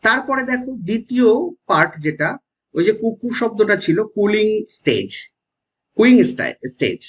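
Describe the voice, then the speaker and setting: A man's voice: sits high, sing-song, normal speed, a bit bright, husky. A man with a West Bengal Bengali accent teaching an exam-prep lecture, explaining step by step and often checking in with the class. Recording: dull lo-fi sound.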